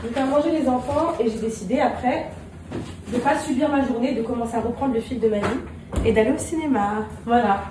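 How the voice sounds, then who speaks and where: A woman chats to her viewers like friends, her voice a bit high and set back from the mic. The room is echoey and noisy around her. It's an easygoing home vlog from the kitchen. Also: a little fast, distant mic. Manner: chatty, addresses viewers as girls. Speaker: vlogger and mother. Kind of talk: casual vlog chat.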